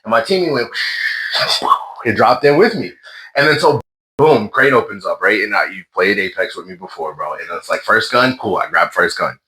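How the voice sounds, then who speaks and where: Man, somewhat low pitch, forceful bright tone, animated casual storytelling, exasperated ranting, frequent swearing. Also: normal speed, rough recording.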